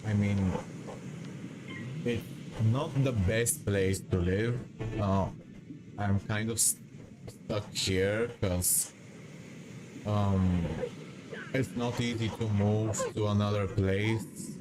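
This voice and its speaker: A man's voice: lowish voice, steady tone, slow, pauses often, over music, poor audio. A man from Bulgaria, live streaming a game and chatting in a hesitant, rambling way as he reads the chat aloud. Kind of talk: casual live-stream chat while gaming.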